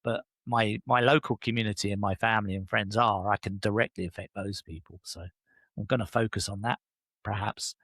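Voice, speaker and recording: On a dry recording, a leadership coach in his 60s speaks a little fast as an interview guest. He's casual and enthusiastic, with animated leaps in pitch and a frequent, affirming "yeah."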